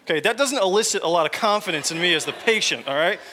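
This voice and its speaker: Male pastor, fairly high and bright voice, chatty sermon storytelling, long hall echo. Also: expressive, fast, a little hiss or hum. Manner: conversational, joking asides to the congregation. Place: church hall with congregation.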